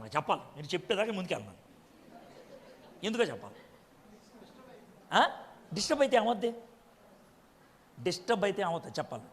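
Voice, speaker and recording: High-pitched preacher in a reverberant hall. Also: male voice, a bit bright. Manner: rhetorical questions to the congregation, scolding. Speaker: pastor. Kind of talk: sermon.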